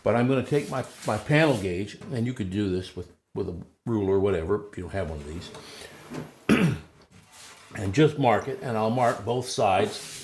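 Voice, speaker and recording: A man's voice: on the low side, expressive, moderate pace, a little mellow, slight background noise. A man casually demonstrating a woodworking technique in a folksy, self-deprecating way while he works.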